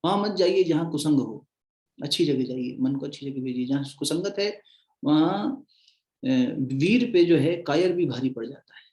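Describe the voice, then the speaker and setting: A man acting as a spiritual teacher in a conversational devotional discourse, chanting verses slowly between explanations. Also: on the high side, darkish tone, echoey room.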